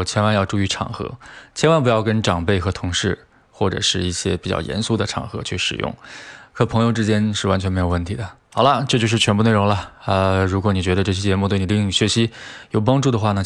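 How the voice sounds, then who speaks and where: A male language teacher with a somewhat low voice walks listeners through a vocabulary lesson. He speaks patiently and fills pauses with soft hesitations. He slows right down to model each phrase and repeats it several times. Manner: slow, careful modeling of pronunciation, repeating phrases; patient, explanatory tone with soft fillers. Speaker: English teacher and podcast host.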